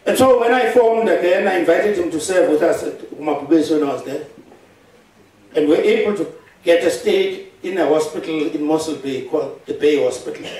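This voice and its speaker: Middle-aged man, South African accent, Xhosa speaker, eulogy, chuckling storyteller, fairly high voice, very echoey hall. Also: a little mellow. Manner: conversational storytelling, chuckles often, mixes Xhosa phrases into English. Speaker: eulogist, former business partner. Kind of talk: funeral eulogy, anecdotal. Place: large hall at a funeral service. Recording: very echoey live stream from far off, faint noise.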